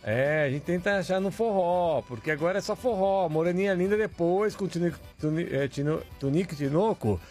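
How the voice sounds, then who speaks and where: Upbeat Brazilian male DJ, high pitch, soft music bed. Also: fairly quick, few pauses. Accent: Brazilian Portuguese. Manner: chatty, upbeat, sings along between requests. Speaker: radio DJ. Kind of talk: early morning radio request show.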